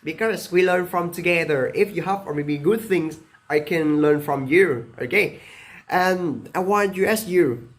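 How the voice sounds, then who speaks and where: A young Vietnamese man with a Vietnamese accent and a slightly high voice talks casually to camera as an English-learning video creator. He deliberately exaggerates his pronunciation for emphasis, often ending lines with "okay?" and filling gaps with "uh."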